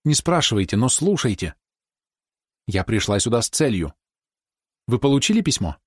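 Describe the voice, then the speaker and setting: A man reading an audiobook who voices a frightened young woman, pleading in an urgent, hushed manner. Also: mid-range voice, big pitch swings, normal speed, breathy edge, no room sound, clean studio sound.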